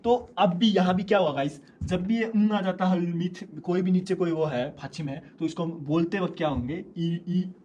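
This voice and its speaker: Man, casual lesson, a bit higher voice, slow repeats, faint room noise. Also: a little mellow, highs cut off. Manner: repeats words slowly for learners. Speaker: language teacher.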